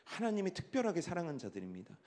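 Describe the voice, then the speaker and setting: A middle-aged man preaching a youth-worship sermon, teasing the crowd, dropping to a hush and then rising to a shout. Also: fairly high pitch, very fast. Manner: animated, teasing the audience, swings from hushed to shouting. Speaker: pastor. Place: large church hall. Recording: long hall reverb.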